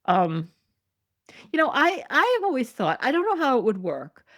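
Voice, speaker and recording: A woman's voice: medium pitch, creaky, a bit bright, no room sound, clean studio sound. A woman hosting a podcast, reading articles aloud with sarcastic, digressive commentary and frequent laughs. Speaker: podcast host.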